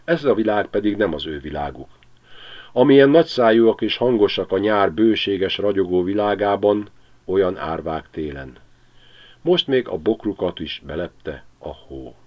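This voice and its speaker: Lively low-voiced male storyteller. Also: muffled recording. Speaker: audiobook reader. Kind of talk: scripted narration of a children's novel.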